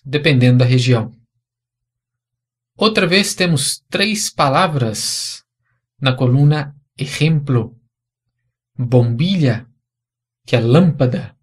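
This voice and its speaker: A man with a Brazilian Portuguese accent teaching a language lesson, patiently explaining and repeating example words clearly. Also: mid-range voice.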